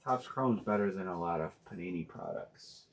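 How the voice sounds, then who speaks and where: A man hosting a live sports card break stream, talking casually and thinking out loud with plenty of fillers and restarts. He speaks bluntly and uses slang. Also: deep voice, lively intonation, moderate pace, a little hiss or hum. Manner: rambling, thinking aloud with many fillers and restarts.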